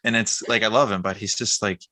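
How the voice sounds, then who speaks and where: A man co-hosting a casual film podcast, excitable and laughing often as he acts out lines. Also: fairly low pitch, a little fast, no echo, clean studio sound. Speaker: podcast co-host.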